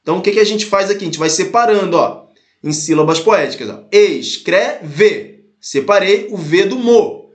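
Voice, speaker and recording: Guy teaching a prep class, high-ish voice, goes step by step, keeps checking in, roomy echo. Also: brisk. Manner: explains step by step, repeats points, checks in with "tá?". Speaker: Portuguese teacher. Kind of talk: exam-prep lesson.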